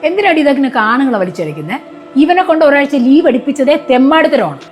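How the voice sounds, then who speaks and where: A woman's voice: sits high, big pitch swings, fast talker. Lady playing a nagging middle-aged mother-in-law, bossy and scolding, music in the background. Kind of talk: short film drama.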